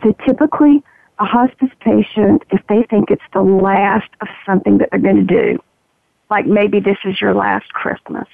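A woman with a gravelly, froggy, medication-roughened voice gives a candid, reflective personal account as an interview guest, in halting phrases. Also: mid-range voice, steady tone, dry recording. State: voice roughened by morphine. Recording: narrow, tinny phone-line sound.

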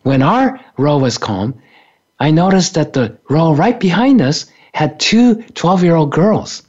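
A man's voice: on the high side, expressive, a little slow, a little mellow. A man in his sixties, co-hosting a radio talk show, tells a story with laughter and acts out the other people in it. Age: 60s. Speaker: co-host. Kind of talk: casual storytelling. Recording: dull lo-fi radio sound.

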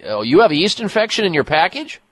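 A man's voice: sits high, big pitch swings, fast, fairly bright tone, no echo. A man hosting a call-in health show, giving a caller blunt, direct, emphatic advice.

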